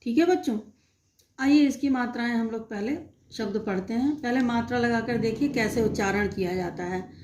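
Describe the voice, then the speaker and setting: Woman teacher, kinda high voice, slow patient explaining for little kids. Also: darkish tone, a little hiss or hum. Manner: slow, patient, explains step by step and asks the children questions. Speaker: primary school teacher. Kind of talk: Hindi phonics lesson for young children.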